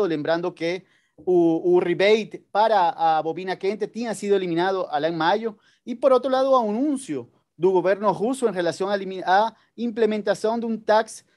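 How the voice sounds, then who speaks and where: A man, a company executive, answering analysts on an earnings call in a measured, explanatory way. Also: high-pitched, darkish tone. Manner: measured, explanatory, Spanish slips.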